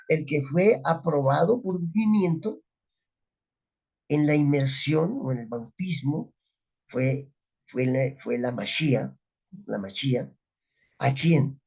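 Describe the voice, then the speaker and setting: A man's voice: a little high, lively intonation, slow pace, gravelly, long pauses, a little mellow, slightly rough. A man teaching a Bible study, explaining words step by step and asking his listeners rhetorical questions.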